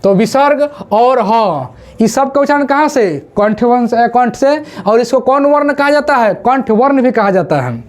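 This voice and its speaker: Grammar teacher, female, high voice, slow drilled pronunciation for exam prep. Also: lively intonation, a little mellow. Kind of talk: exam-prep classroom lesson. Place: classroom with a board.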